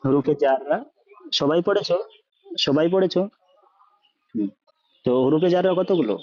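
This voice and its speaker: A man's voice: a little high, normal speed, a little mellow. A man teaching a language class, asking students questions and often checking that they follow, mixing English words into his speech. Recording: dull lo-fi sound.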